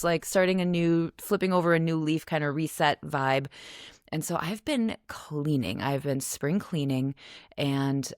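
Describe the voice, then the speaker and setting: Chatty woman podcaster, low and dry. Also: dry recording. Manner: chatty and candid, laughing often, swearing casually. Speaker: podcast host. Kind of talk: casual solo podcast chat.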